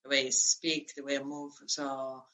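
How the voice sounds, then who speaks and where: A woman's voice: extremely low pitch, flat delivery, normal speed, bright, forceful tone, poor audio. A woman in her thirties from Italy, telling her story as a guest in a conversational interview, hesitant with many fillers and restarts.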